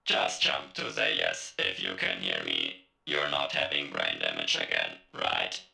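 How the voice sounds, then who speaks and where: A man voicing the old male game AI, slow and robotic, through a deep pitch-shift filter. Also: huge pitch swings, vocal fry, pushed and bright, faint music behind, heavily acted. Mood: taunting. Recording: echoey processed voice.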